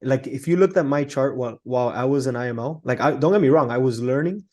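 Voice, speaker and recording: A man in his twenties from Cuba, whose first language is Spanish, chatting as a podcast guest in a relaxed, easygoing way. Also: mid-range voice, quick pace. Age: 20s. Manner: relaxed, chatty, laughs easily, many "like"s. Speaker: guest, trader. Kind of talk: casual podcast interview.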